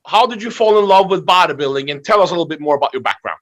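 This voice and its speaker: A man hosts a conversational video interview, asking questions and reacting with short interjections. His mid-range voice is expressive and rapid-fire.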